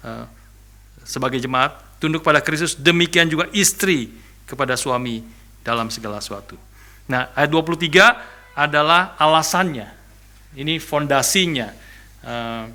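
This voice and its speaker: A man preaching a sermon, animated and humorous, asking rhetorical questions and repeating key phrases with frequent "ya" tags. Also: a little high. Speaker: pastor. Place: church.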